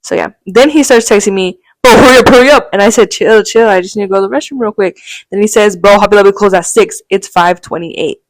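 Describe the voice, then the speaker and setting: This podcast co-host, a young adult woman, talks a little fast in a mid-range voice, with no echo on the recording. She rambles through a story in casual chat, animatedly acting out quotes and laughing often.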